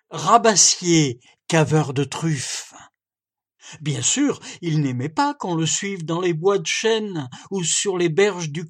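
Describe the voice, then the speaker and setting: A man, a volunteer audiobook reader, telling a folk tale with an animated, storytelling lilt. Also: fairly high pitch. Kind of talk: audiobook reading.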